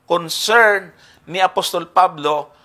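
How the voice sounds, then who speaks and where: A man's voice: high-pitched, takes it slowly, sharp tone. A man teaching a Bible study, explaining a passage earnestly and speaking to his listeners as brothers and sisters. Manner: earnest, explanatory, reads verses aloud with heavy emphasis; addresses listeners as brothers and sisters, polite particles.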